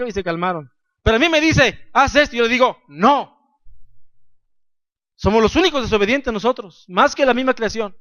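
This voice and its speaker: A man's voice: high voice, fairly bright tone, no echo, dull audio. A man preaching a sermon as pastor, emphatic and posing questions to the congregation.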